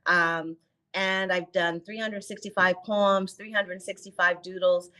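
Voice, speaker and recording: A woman's voice: medium pitch, unhurried. A woman in her fifties, a podcast guest, talking animatedly and acting out quotes as she tells stories. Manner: animated storyteller, acts out quotes, laughs. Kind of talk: casual interview chat.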